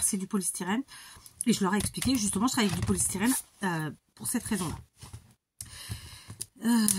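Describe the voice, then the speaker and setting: Chatty woman talking while she crafts, fairly high voice, lots of euh and restarts, faint hiss behind. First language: speaks Portuguese too. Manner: chatty, rambling, many fillers and restarts. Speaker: crafter vlogger. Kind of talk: casual chat while crafting.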